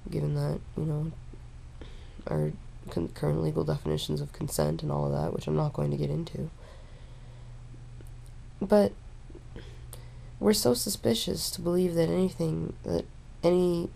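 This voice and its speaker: A young woman rambling in a relaxed, stoned drawl, full of fillers and restarts, talking casually to her camera at home. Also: low voice, gravelly, a little hiss or hum. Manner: meandering, halting, with frequent fillers and restarts. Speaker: vlogger.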